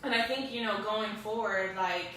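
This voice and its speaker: A woman's voice: mid-range voice, normal speed, sharp tone. A young woman, telling a painful personal story in an earnest, emotional way with many fillers. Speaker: guest sharing her story. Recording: echoey room, distant mic, faint hiss.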